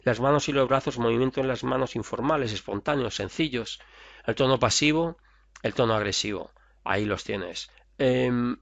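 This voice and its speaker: A man's voice: medium pitch, vocal fry, fairly bright tone, no room sound, dull audio. A man teaching a recorded therapy course over slides, talking conversationally and acting out short example dialogues.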